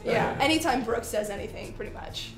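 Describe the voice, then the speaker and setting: Young woman laughing thru her story, bit high, echoey with music. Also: brisk. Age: young adult. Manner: giggly, animated. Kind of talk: casual chat. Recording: echoey room with music behind.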